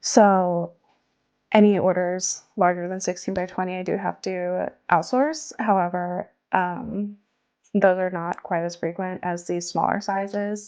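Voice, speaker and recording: Her voice sits low with a darkish tone as she narrates a casual studio vlog. She's an artist who runs a small business, chatting about her work in her home art studio, poking fun at herself and laughing frequently.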